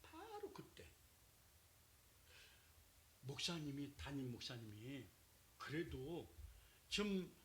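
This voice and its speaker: A man preaching a sermon as pastor, dropping to quiet asides and then shouting, acting out the people in his story with voices. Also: takes it slowly, long pauses, slight background noise, rough recording. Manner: animated, swings from low asides to loud shouts.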